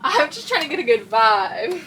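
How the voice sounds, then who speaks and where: A woman's voice: on the high side, animated, moderate pace, pushed and bright, slight background noise, low-quality recording. A young woman from Texas with a light Texan accent, rambling in casual chat in her bedroom and often losing her train of thought. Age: young adult. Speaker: vlogger.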